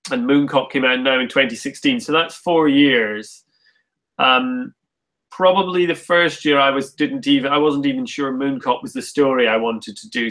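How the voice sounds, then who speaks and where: A man who creates comics, talking about his work in a relaxed, thoughtful, self-deprecating way with frequent restarts. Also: medium pitch, poor audio. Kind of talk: casual conversation.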